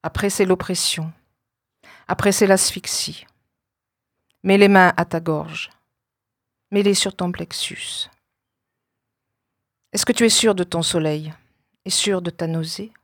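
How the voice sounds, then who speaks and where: A woman with a lowish voice recites spoken-word poetry in a deliberate, incantatory way, breaking her lines into short fragments. The sound is dry and close, with no room around it. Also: fairly even intonation, no room sound. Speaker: poet.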